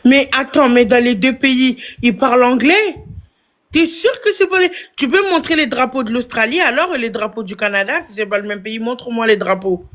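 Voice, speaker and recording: A woman hosts a casual livestream, teasing and arguing playfully and repeating her points again and again. Her voice sits on the high side, fairly bright, at a normal speed.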